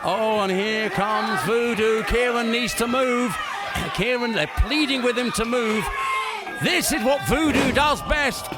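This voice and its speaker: A man giving excited live play-by-play wrestling commentary, exclaiming and repeating phrases with urgency. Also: very high-pitched, a little slow. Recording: live event, very loud crowd and music. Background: loud crowd and music.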